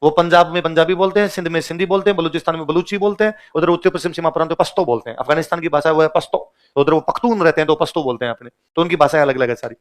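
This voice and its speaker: A man's voice: on the high side, rapid-fire, hardly any pauses. A male history teacher giving a classroom lecture who keeps quizzing his class with repeated questions and acts out quoted speech. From Rajasthan, India.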